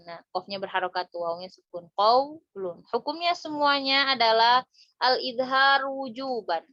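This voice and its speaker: Female teacher, slightly high voice, relaxed tajwid lesson, recites examples slowly; dry close sound. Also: no room sound. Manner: chatty, self-correcting, slow drawn-out recited examples. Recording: dull lo-fi dry recording.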